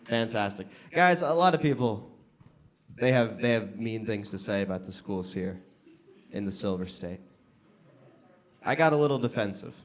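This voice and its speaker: A man's voice: lowish voice, lively intonation. American man doing stand-up crowd work. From Las Vegas, United States. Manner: conversational delivery to a live audience, with pauses and emphatic punchlines. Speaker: stand-up comedian. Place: comedy club stage. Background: audience laughter.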